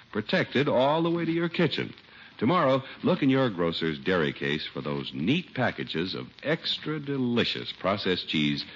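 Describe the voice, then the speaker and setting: A man's voice: lowish voice, a bit bright, slightly rough. An American man working as an old radio announcer, reading scripted sponsor messages and story introductions on a vintage broadcast. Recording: dull vintage radio recording with music.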